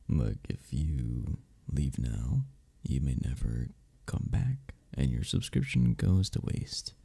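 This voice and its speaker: Playing a flirtatious, friendly male cuddle club member guiding a newcomer, a man performs a one-sided ASMR romance roleplay. His exaggerated bass voice is dark, breathy and gravelly as he teases and reassures the listener, chuckling between lines.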